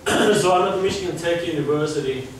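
A Finnish man in his forties with a Finnish accent gives a chatty guest lecture to students in a large lecture hall, talking conversationally and restarting phrases. His voice is fairly high and quick. A far camera with no visible mic captures him, so the audio is echoey and distant with background noise.

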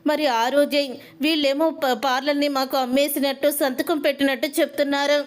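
A woman's voice: sits high, little pitch movement, fairly quick, lightly acted. A woman voicing a worried, puzzled middle-aged relative in a spoken story retelling, questioning things.

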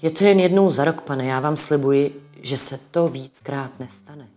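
A woman's voice: low-pitched, dark tone, faint music behind, close to an everyday voice. A woman voicing a timid male clerk who talks in an apologetic, hesitant way.

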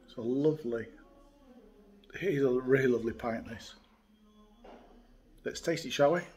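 Hosting a casual beer review, a man chats in a relaxed way, using frequent "uh" fillers. His voice is mid-range at a normal speed, recorded close on a phone or webcam indoors by a window in a hotel room.

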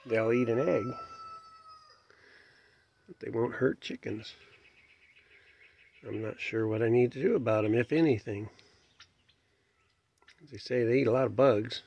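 A man's voice: medium pitch, a little slow, vocal fry, pauses often. A man, chatting casually as he films his farmyard on a phone and talks to the animals. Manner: relaxed, folksy, talks to animals. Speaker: homestead vlogger. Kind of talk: casual narration while filming. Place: outdoors in a farmyard by a shed. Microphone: phone camera held by the filmer. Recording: dull lo-fi phone audio outdoors.

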